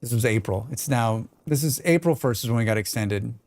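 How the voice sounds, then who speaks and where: This gamer, whose accent is plain General American, rambles casually on his live stream while responding to chat. He talks briskly at medium pitch in a slightly mellow voice, on dry audio.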